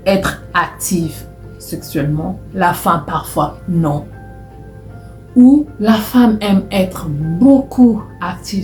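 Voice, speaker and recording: Congolese woman vlogging advice, mellow voice, roomy echo, repeats stuff to hammer it home. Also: medium pitch. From Republic of the Congo (Brazzaville). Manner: chatty, addresses viewers directly, repeats phrases for emphasis. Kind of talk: casual advice talk to camera.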